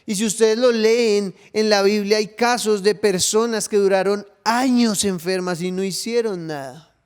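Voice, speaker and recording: High-pitched, emphatic preaching man. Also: smooth. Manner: emphatic preaching, dramatizes scripture passages. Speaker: pastor. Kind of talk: online church sermon.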